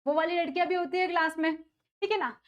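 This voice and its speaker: A woman teaching school science in a lively lecture, often asking a question and then answering it herself, with playful asides. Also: very high voice, fast, dull audio. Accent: North Indian Hindi. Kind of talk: classroom lecture with call-and-response questions.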